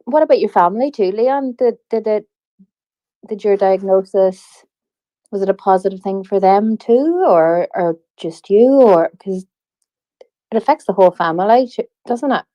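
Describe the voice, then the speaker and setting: A woman hosting a casual chat on a video call, chatty and quick to laugh. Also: medium pitch, dry recording, dull audio. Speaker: host.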